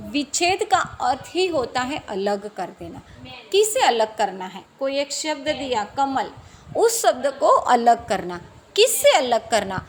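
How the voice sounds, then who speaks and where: A woman teacher talks through a lesson at an unhurried, deliberate pace. Her voice sits a little high, and she spells words out letter by letter. She asks questions and then answers them herself. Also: slight background noise. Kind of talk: classroom lesson explanation.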